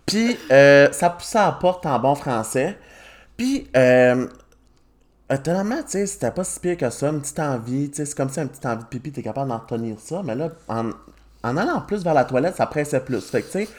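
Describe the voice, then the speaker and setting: Animated and fairly quick, the podcast host's medium-pitched voice carries a darkish tone and a Québécois French accent. He's in his twenties, chatting casually and telling self-mocking tales punctuated by laughter.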